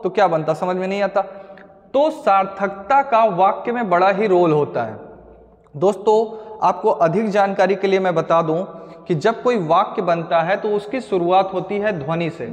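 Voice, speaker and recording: In a high voice, a man leads an exam-prep grammar lesson, explaining step by step and working through examples while addressing his viewers like friends. A long room reverb trails his voice.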